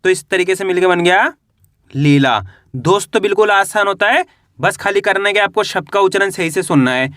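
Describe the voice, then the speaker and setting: Bright high-voiced Hindi teacher spelling words. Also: male voice, dry recording, studio quality. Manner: slow syllable-by-syllable spelling with repeated questions; addresses viewers as friends. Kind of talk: Hindi reading lesson for beginners.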